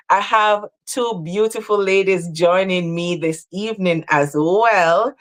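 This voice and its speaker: A woman from Jamaica hosting a livestream talk, speaking in an earnest, measured way. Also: on the low side. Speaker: host.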